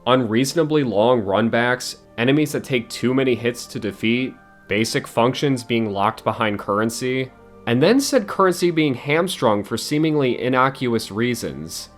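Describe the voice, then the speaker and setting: A man's voice: mid-range voice, normal speed, soft background music. A man giving a scripted, blunt and exasperated game critique as a video essayist, swearing now and then.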